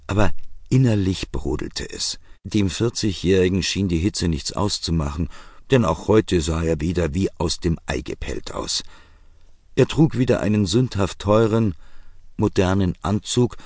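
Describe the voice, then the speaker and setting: A man giving measured, steady audiobook narration. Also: deep voice, vocal fry, slightly rough, dry recording, studio quality.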